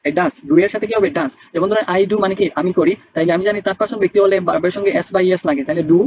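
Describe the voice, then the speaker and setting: A man's voice: high voice, racing, a little mellow. A man teaching English grammar to a class, rambling and repeating himself and often checking in with the students. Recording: dull lo-fi sound with faint noise.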